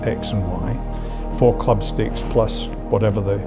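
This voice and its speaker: Man, club official, measured halting speech, low voice, loud music under it. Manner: measured, halting, many restarts. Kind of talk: interview answers.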